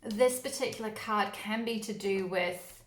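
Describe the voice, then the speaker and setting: Kiwi woman doing a chatty tarot reading, lots of um and like, mid pitch, echoey room. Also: unhurried. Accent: New Zealand. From New Zealand. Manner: rambling, many fillers and restarts, laughs often. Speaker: tarot reader. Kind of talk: casual intuitive tarot reading. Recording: roomy echo.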